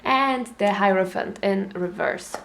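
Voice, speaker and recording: A young adult woman giving a casual tarot reading, chatty and animated, acting out little inner voices as she talks. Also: medium pitch, measured pace, creaky. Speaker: tarot reader.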